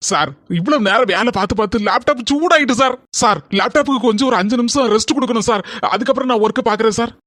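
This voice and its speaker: A voice actor plays a hapless young village husband in a cartoon, always wailing and complaining in a Kanyakumari Tamil accent. He talks fast in a high voice. It sounds dry and close. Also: a bit bright, dry recording. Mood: pleading.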